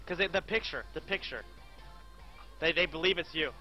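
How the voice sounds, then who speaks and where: A man streaming a game live, chatting casually, bossing his viewers around with excitable, profane outbursts. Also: a little high, moderate pace, soft background music.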